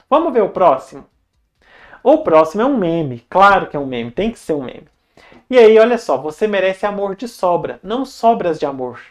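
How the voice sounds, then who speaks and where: A young woman with a Brazilian Portuguese accent gives an online grammar lesson into a close mic. She talks in a chatty, lively way, straight to the viewer, at a middle pitch. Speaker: teacher.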